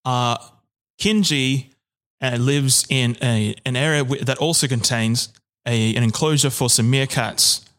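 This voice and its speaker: A man's voice: mid-range voice, measured pace, fairly bright tone. A man co-hosting a podcast, telling a story in casual chat with dry, self-deprecating humor. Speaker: podcast co-host.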